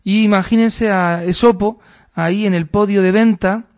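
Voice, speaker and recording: High-voiced radio host. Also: male voice, fairly even intonation, moderate pace. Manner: thoughtful, hesitant with fillers. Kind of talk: radio storytelling and reading aloud.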